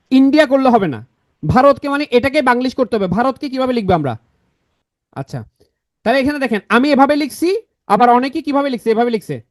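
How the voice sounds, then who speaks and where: A man's voice: very high-pitched, no echo. A young man teaching grammar in an online exam-prep lecture, repeating key answers and asking the class questions.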